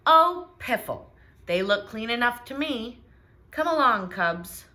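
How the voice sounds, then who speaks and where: A woman's voice: medium pitch, expressive, moderate pace, sharp tone. A woman voicing a dismissive, good-natured papa bear in a children's storybook read-aloud. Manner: dismissive and jolly.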